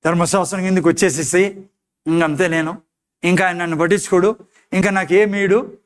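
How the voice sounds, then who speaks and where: A man's voice: steady tone, a little fast. A man preaching a sermon as pastor, emphatic, firing off rhetorical questions. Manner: emphatic preaching, repeated rhetorical questions, acted quotes in low despairing tones.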